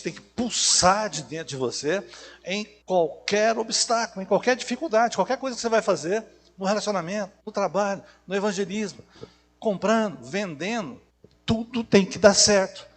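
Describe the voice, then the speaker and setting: A man's voice: sits high, normal speed, a bit bright. A Brazilian man preaching a church sermon in emphatic short phrases, often putting rhetorical questions to the congregation. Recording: echoey hall with long reverb.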